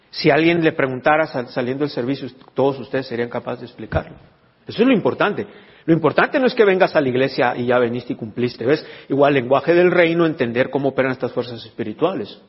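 Husky male pastor in a reverberant church. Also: mid-range voice. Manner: teaching, asks the congregation questions. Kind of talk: sermon. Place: church hall. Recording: dull recording with long reverb.

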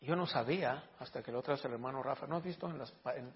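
A man's voice: mid-range voice, fast talker. A man preaching a conversational sermon as a pastor, asking rhetorical questions and often repeating words as he goes. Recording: dull lo-fi recording.

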